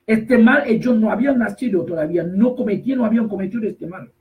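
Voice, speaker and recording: A man preaching a sermon, emphatic and repetitive, slowly reading scripture verses and then explaining them. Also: high voice, recorded from a distance, rough recording. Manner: emphatic, repetitive, rises to shouts on key phrases.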